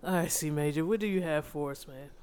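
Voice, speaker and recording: A man's voice: on the high side, fast talker, background noise. A man hosting a podcast, laid-back and joking in casual group chat with slangy talk. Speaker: podcast host.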